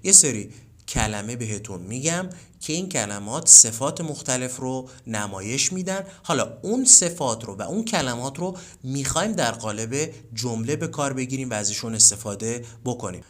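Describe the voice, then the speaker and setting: A man teaching an English lesson, repeating each word and sentence slowly and deliberately, with quick, direct explanations between the drills. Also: medium pitch, expressive. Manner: slow, deliberate word-by-word repetition. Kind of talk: language lesson with repetition drills.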